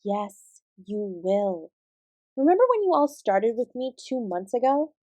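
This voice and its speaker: In an audio drama, a woman voices an apsara quietly living as a warm, encouraging dance teacher who stays defensively composed. Addressing a class in an instructive, reassuring way, she speaks a little slowly in a fairly high, very animated voice. The recording is dry, with no room sound.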